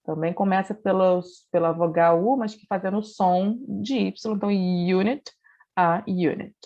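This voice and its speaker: A woman's voice: medium pitch, fairly even intonation, unhurried, mellow. A woman teacher explaining English grammar in a patient, step-by-step way, often checking in with the class. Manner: patient explaining with frequent "né?" and "então". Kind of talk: recorded online class. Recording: dull lo-fi recording.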